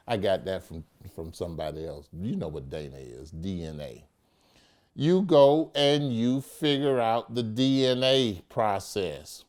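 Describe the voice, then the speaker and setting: A man's voice: high voice, darkish tone. A man working as a judge, hosting a legal vodcast, explaining things with emphasis and playful asides, slipping into casual speech. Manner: emphatic, playful, lapses into informal speech and mock dialogue. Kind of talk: animated explanatory talk.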